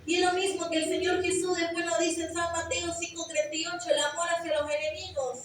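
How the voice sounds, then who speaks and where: A woman's voice: very high-pitched, flat delivery, a little fast, a little hiss or hum. A woman preacher giving an earnest sermon that rises to impassioned emphasis, recorded in a church. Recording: very echoey church hall, mic far off.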